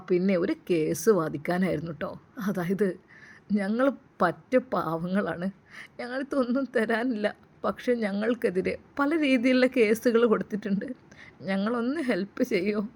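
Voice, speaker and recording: A woman's voice: medium pitch, normal speed, a little mellow, close to an everyday voice. A woman voicing a poor young man who begs a lawyer for help with a tearful voice. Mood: pleading. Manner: tearful, begging. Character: young adult man caller, poor and pleading.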